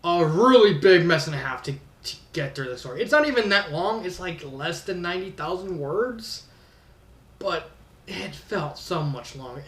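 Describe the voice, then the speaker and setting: Sounding distant from the mic in an echoey room, a high-pitched man gives a casual spoken review of fan fiction. He rambles and drives his points home with exasperated emphasis.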